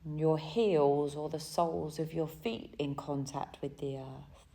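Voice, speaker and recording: Speaking in a low-pitched, creaky voice with a steady tone, a woman acting as a yoga nidra teacher guides a relaxation session. Her short phrases are gentle and soothing, separated by pauses.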